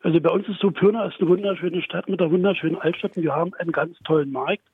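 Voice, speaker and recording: A man in his fifties with a Berlin accent comes through a tinny phone line, his voice husky and a little higher than most men's. He speaks plainly and at length, often restarting his sentences mid-thought. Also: fairly even intonation, racing. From Berlin outskirts, Germany. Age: 50s. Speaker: guest, pride association member. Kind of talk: interview over a phone line.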